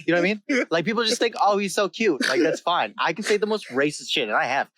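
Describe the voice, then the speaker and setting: Guy w a slightly high voice hosting a podcast, rambly and jokey, dry close mic. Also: big pitch swings, fast, sharp tone, no echo. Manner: rambling, joking, repeats himself. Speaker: podcast host. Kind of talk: casual podcast chat.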